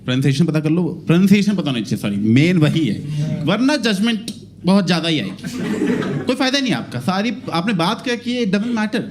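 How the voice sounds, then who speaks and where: A young adult man doing stand-up comedy, telling stories in a lively way that mixes Hindi and English. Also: high voice, fairly quick, a crowd in the background. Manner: animated, mixing Hindi and English.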